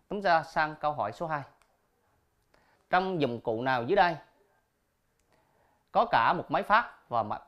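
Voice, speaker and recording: A male teacher with a mid-range voice takes his students through a recorded quiz. He reads each question and its options aloud slowly and clearly, pauses, then explains the answer step by step. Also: medium pitch, dull audio. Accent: Vietnamese. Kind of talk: recorded classroom quiz lesson.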